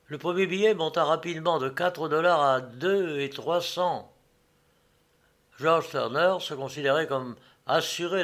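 A man reads a classic novel aloud as audiobook narration. His voice sits slightly high, and he tells the story in a measured, expressive manner.

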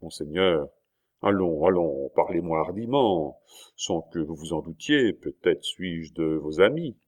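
A cold, sly young duke with a deep voice, as a male audiobook reader plays him. He talks in a soft, insinuating tone and coaxes out secrets. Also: animated, measured pace. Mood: probing. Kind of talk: audiobook character reading.

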